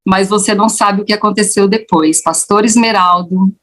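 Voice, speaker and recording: A Brazilian woman giving an emotional church testimony to a pastor, telling the story in a lively way and acting out what people said. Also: moderate pace. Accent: Brazilian Portuguese. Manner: animated storytelling, acts out dialogue with pitch jumps.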